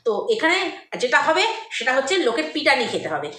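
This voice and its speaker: A woman's voice: sits high, very animated, a little fast, pushed and bright, far from the mic. A woman vlogger giving a scornful, gossipy commentary monologue, with many hesitations. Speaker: vlogger commenting on an online feud. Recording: echoey room, voice off-mic.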